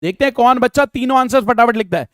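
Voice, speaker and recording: A man teaching a live online math class, drilling sums aloud, urging students to go fast, and answering their chat questions. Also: extremely high pitch, no echo, clean studio sound. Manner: brisk, drills sums aloud and urges speed.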